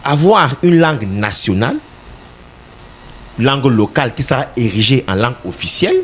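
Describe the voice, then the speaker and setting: With a husky, mid-range voice, a Cameroonian political party representative speaks at a normal speed and sounds animated. He answers radio interview questions emphatically and insistently, repeating words at times as he searches for them.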